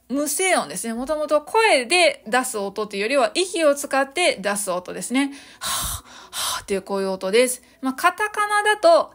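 Woman, high pitch, cheerful podcast English teacher, slow model phrases, faint music behind. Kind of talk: solo podcast English lesson. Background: soft background music.

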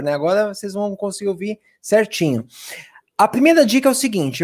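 An English teacher with a Brazilian Portuguese accent giving a chatty, upbeat live online lesson and talking straight to the viewers. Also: medium pitch.

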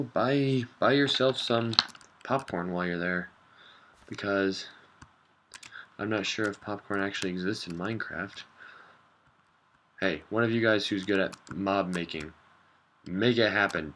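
Low-voiced man rambling over gameplay. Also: a little slow, pauses often, a little hiss or hum. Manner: rambling, jokey, deadpan absurd humor. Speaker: gaming vlogger. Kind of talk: casual gameplay commentary. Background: game music.

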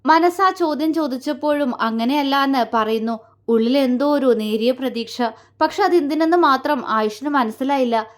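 A woman reading an emotional romance audio story, dramatic and heartfelt. Her voice is high and clear throughout. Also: moderate pace. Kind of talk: scripted narration.

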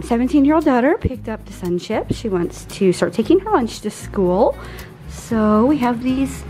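A woman's voice: on the high side, darkish tone. A woman in her forties chatting casually at home as she goes through her grocery haul item by item. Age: 40s. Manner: chatty, friendly product rundown. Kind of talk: casual chat.

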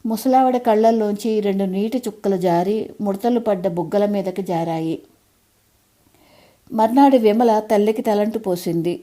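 Dark-voiced woman narrating a story. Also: mid-range voice. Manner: calm, measured storytelling. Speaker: audiobook narrator. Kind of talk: scripted short-story narration.

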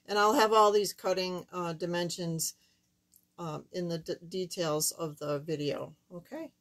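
An older woman with a thin, squeaky, slightly hoarse voice, giving a casual, halting card-making demonstration. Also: steady tone, fairly bright tone. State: hoarse while recovering from surgery. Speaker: craft tutorial host. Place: indoors at a wooden craft table, camera overhead.

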